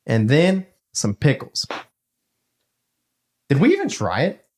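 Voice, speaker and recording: A man's voice: on the high side, slow. A young man, co-hosting a podcast and telling jokey stories in casual chat. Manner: joking, animated storytelling. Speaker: podcast co-host.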